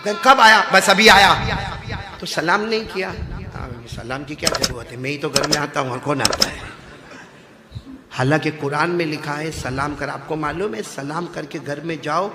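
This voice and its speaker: A man telling an Islamic story as a sermon, moving from hushed narration to shouted, chanted Quranic recitation. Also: fairly high pitch, very noisy. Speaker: preacher. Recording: echoey hall with crowd.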